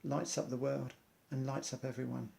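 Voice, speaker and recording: A man's voice: mid-range voice, level tone, moderate pace, vocal fry, warm tone. A man, an amateur athlete, earnestly reciting an inspirational monologue in loose rhymes.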